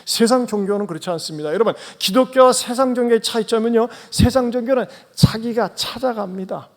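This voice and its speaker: A man pastor preaching a sermon in a church, animated and asking the congregation rhetorical questions. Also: very high voice, a little fast. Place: church sanctuary. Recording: long church hall reverb.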